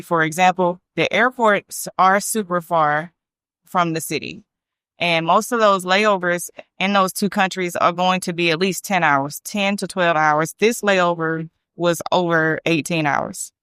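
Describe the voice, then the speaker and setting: A woman's voice: on the low side, fairly bright tone, clean tone, no echo, studio quality. A woman vlogging casually about travel, chatty and repeating points for emphasis. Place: hotel room.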